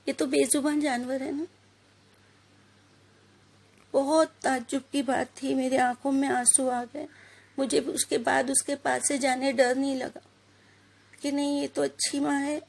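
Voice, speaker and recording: A woman's voice: high-pitched, vocal fry. A woman in her thirties giving a religious talk, telling a personal story earnestly and putting questions to her listeners. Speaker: religious speaker.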